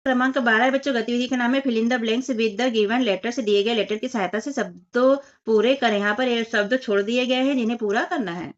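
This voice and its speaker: Female teacher, patient step-by-step children's lesson, slightly high voice, muffled recording. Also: fairly even intonation, a little fast, few pauses. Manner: patient, explains step by step, addresses children as 'बच्चों' and 'बेटा'. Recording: dull lo-fi voice recording.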